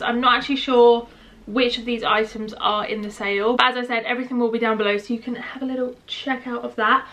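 A woman's voice: on the high side, a bit bright. A young woman vlogger chatting casually and gushing through a clothing try-on haul, a little out of breath. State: slightly out of breath. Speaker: fashion vlogger.

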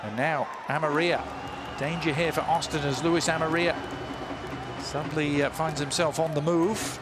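A man's voice: on the high side, fairly even intonation, moderate pace. A man giving live play-by-play football commentary. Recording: loud stadium crowd noise. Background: stadium crowd.

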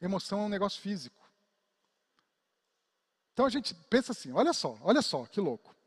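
A man with a Brazilian Portuguese accent teaching a class, animated, acting out examples and asking his listeners questions. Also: sits high, brisk, slightly rough, big-room sound. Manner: animated, acts out examples and asks the audience questions. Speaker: instructor. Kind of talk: lecture to a class.

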